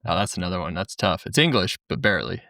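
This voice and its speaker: A man's voice: deep voice, expressive, quick pace, creaky, bright, forceful tone, no room sound, clean studio sound. A man who owns a business, talking as a guest on a casual podcast in an easygoing way. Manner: easygoing, thinks aloud with restarts.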